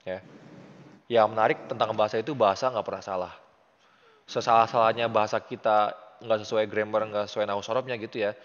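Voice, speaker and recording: A man's voice: on the low side, fairly even intonation, brisk, long pauses. An Indonesian-accented man tutoring Arabic in a casual lesson, patient and full of praise. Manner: patient, encouraging, praises often. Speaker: Arabic teacher. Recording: muffled audio with long reverb.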